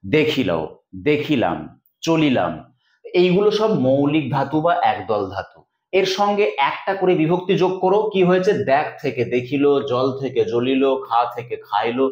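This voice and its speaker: A man's voice: on the high side, sing-song, normal speed, darkish tone, dull audio. A male Bengali grammar teacher explaining rules step by step, repeating key points in a classroom lesson. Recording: echoey room sound.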